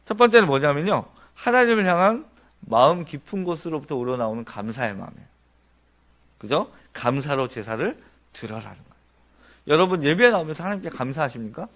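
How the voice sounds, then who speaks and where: Animated male pastor preaching. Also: on the high side, fast. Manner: asks the congregation rhetorical questions; explains points one by one in an earnest, conversational tone. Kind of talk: Sunday sermon. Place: church sanctuary.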